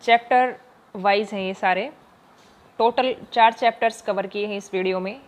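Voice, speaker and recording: A woman teacher giving an exam-focused lesson, explaining patiently, mixing in English terms and slowly stretching out each example word. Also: mid-range voice, fairly even intonation.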